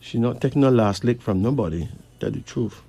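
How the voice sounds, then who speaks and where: A man's voice: mid-range voice, lively intonation, brisk, mellow, faint music behind. A man from Barbados, chatting and reading cards, emphatic with rising questions. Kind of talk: casual chat and card reading.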